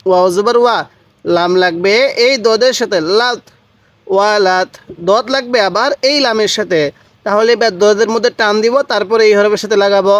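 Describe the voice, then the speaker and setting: A man's voice: high voice, steady tone, normal speed, no room sound. A man teaching Quran letter reading step by step, patiently spelling out syllables and repeating them for the viewer. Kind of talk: step-by-step recitation lesson.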